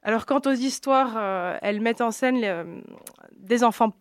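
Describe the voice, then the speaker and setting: A woman's voice: on the high side, moderate pace, smooth, no echo. A woman with a Belgian French accent, talking about a book on a radio show, with many hesitations and restarts. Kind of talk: casual radio book review.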